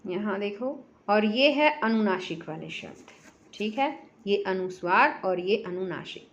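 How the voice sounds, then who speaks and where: A woman's voice: medium pitch, animated, measured pace, highs cut off, slight background noise. A woman teacher going through a workbook lesson for children, patiently breaking words into sounds and repeating them.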